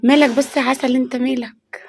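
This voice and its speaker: A woman's voice: sits high, level tone, a little fast, creaky, breathy edge. A young woman with an Egyptian accent playing a wife in a comedy sketch, making whiny, pleading demands. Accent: Egyptian Arabic.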